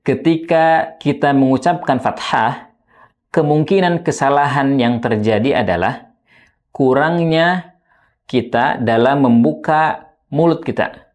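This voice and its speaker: A man with a mid-pitched voice presents an instructional lesson as a recitation teacher. He speaks very slowly and over-enunciates, shaping every vowel and syllable with deliberate care. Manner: over-enunciates, carefully articulating each word and vowel. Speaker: host and teacher of Qur'an recitation. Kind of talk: scripted instructional lesson with demonstrations.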